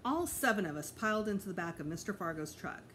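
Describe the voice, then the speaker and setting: A middle-aged woman reads a children's story aloud as a teacher would to pupils, expressive and making small slips she corrects herself. Her medium-pitched voice is animated and a bit bright, moving quickly. It's a home recording with clear background noise.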